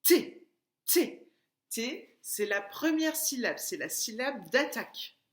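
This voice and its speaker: A woman leads a lesson for young children, slow and deliberate, drawing out each syllable. Her pitch swings up and down with animation. The room around her rings with echo. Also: big pitch swings, a bit bright. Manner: slow, patient, syllables tapped out and stretched. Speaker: preschool teacher. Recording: echoey room.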